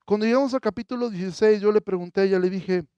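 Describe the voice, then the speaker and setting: A male pastor preaching an impassioned sermon, moving from loud proclamation to soft, intimate appeals. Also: high voice, racing, smooth, dry recording, dull audio. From Mexico.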